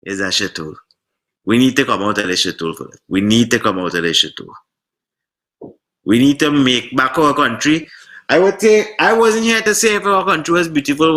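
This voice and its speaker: A Trinidadian man appearing as a talk show guest. His voice is bright and forward, with a mid-range pitch. He speaks earnestly and from the heart, stumbling a little as he goes. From Trinidad and Tobago. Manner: earnest, heartfelt, slightly halting. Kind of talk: casual political chat.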